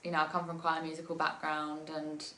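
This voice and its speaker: A woman's voice: deep voice, monotone, fast, bright, forceful tone. Woman, young adult, English, casual interview guest, laughs a lot, echoey room. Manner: giggly, with many ums and likes.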